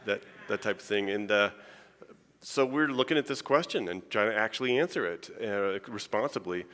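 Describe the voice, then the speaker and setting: In a large church hall with long reverb, a male scientist gives a chatty, joking, informal conference talk, frequently restarting his sentences. His voice is fairly low and a bit bright, at a moderate pace.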